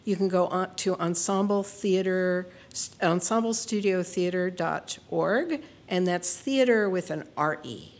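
Woman guest, brisk plug, lists dates. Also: fairly low pitch, a little mellow. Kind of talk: casual promotion.

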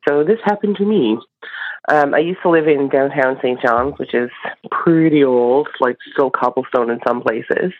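A woman from Newfoundland tells a personal story as a caller. Her voice is low and her delivery is informal. The recorded call sounds dull and lo-fi. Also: moderate pace. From Newfoundland, Canada. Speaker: listener calling in with a story.

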